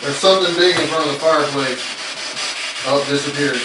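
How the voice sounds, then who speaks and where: A man's voice: fairly high pitch, a little fast. Man calling out to spirits, echoey room. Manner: excitable, calls out loudly to spirits. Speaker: paranormal investigator. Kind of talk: ghost-hunting call-outs and casual chat. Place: old house, indoors. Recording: echoey room, distant mic, noisy.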